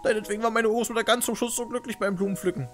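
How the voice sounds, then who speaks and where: A man acts out a devoted young man in a game story, grieving for his great-grandmother. His voice climbs high and emotional, earnest and pleading. Music runs underneath. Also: steady tone, rapid-fire, a bit bright. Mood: tearful gratitude.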